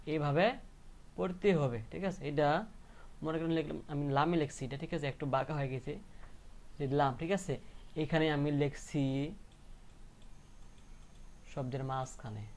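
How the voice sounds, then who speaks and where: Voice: mid-range voice, a little mellow. A teacher giving a patient, repetitive, step-by-step reading lesson that spells out syllables and keeps checking understanding.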